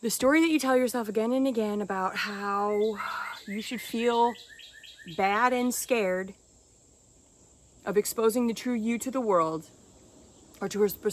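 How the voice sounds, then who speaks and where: Speaking to camera in a relaxed motivational vlog, a woman with a mid-range voice sounds earnest and conversational, frequently slipping into short laughs. She's a self-help vlogger, and there's slight background noise.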